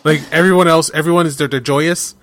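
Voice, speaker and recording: A man in his forties hosting a podcast, telling stories in a rambling, animated way with many restarts. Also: on the high side, fast, heavy background noise. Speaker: podcast host. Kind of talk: casual chat.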